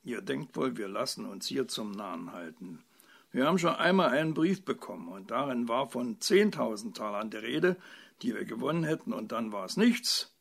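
A man's voice: mid-range voice, expressive, normal speed, gravelly, breathy edge. A man voicing a stubborn, suspicious old farmer in a storybook reading. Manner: grumpy, distrustful, dismissive.

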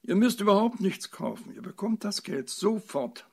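A man's voice: mid-range voice, very animated, measured pace, creaky, slightly rough, full character voice. A man voicing a cheerful young fairy who grows desperate as her wishes are refused, in a storybook reading. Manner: eager, increasingly desperate pleading. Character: flustered young female good fairy.

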